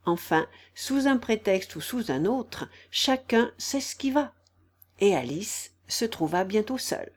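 A woman narrating a children's storybook slowly and expressively. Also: medium pitch. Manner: slow, expressive. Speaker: audiobook narrator. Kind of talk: storybook reading.

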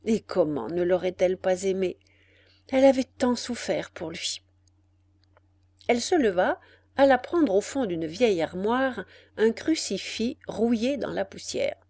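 Brief: unhurried female narrator for a gothic tale, close and dry. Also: medium pitch, animated, a little mellow, no echo. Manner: slow, measured reading. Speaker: storyteller.

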